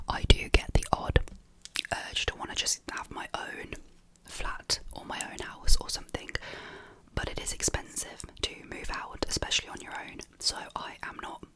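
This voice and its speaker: Young adult whispering an ASMR ramble. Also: rough recording. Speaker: ASMR video creator. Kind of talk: whispered ASMR ramble, casual personal chat. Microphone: close mic.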